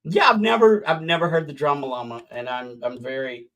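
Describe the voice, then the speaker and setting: A man with a slightly high, fairly bright voice and fairly even intonation hosts a casual podcast over a video call, talking briskly. He jokes and rambles with his guests in a laid-back livestream chat.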